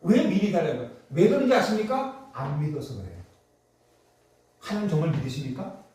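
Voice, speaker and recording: Male preacher, high and animated, insistent rhetorical questions, heard from a distance in a reverberant church. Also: brisk. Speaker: pastor. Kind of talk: sermon. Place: church sanctuary. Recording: echoey church hall, distant mic.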